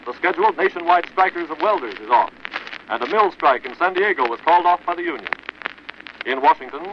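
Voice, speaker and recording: An American man reading a formal, declamatory 1940s radio newscast in an old newsreel manner. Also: on the high side. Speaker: radio news announcer. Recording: noisy, muffled 1940s radio broadcast. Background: loud radio noise.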